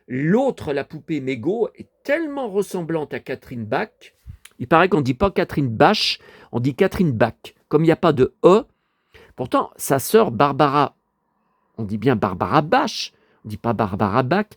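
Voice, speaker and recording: A man's voice: a little high, big pitch swings, normal speed. A man casually presenting his toy collection to viewers, chatty and rambling, talking straight to the audience. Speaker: collector showing his toys.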